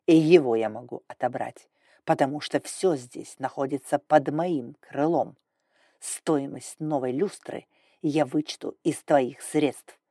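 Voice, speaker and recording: A woman's voice: low-pitched, a little slow, warm tone, no room sound, studio quality, voice pushed down. A woman reading an audiobook, voicing a stern, domineering male dragon lord with an icy, growling manner. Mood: cold fury.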